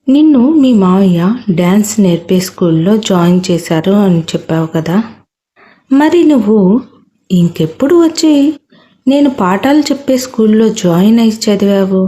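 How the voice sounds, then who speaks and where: A woman voicing a stern middle-aged male teacher who questions a girl and grows angry, her voice mellow and warm. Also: medium pitch, animated, moderate pace, natural voice. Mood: questioning. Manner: interrogating, rising to anger.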